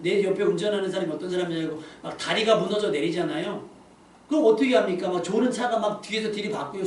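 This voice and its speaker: High-voiced pastor in an echoey hall. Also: male voice. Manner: conversational, asks the congregation rhetorical questions. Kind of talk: sermon. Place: church sanctuary. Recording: echoey church hall from a distance, faint room noise.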